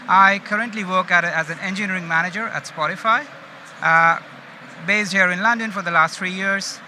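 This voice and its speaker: A data engineering manager from India, speaking with an Indian accent and a slightly high voice, gives an informal, conversational conference presentation on an open stage at a busy exhibition, often checking in with listeners. Loud ambient noise from the event hall fills the recording.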